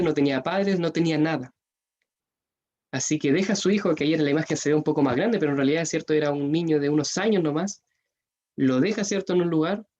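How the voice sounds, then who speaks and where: A man with a Chilean accent preaching a sermon, earnest, rising in pitch and force when he appeals to parents. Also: a little mellow, highs cut off.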